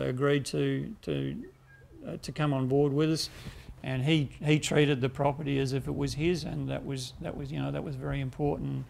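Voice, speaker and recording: Outdoors on a farm, a South Australian grain grower in his fifties answers documentary interview questions through a clip-on mic. His medium-pitched, darkish voice carries a strong gravelly fry, and he speaks in a measured way, often restarting and repeating words.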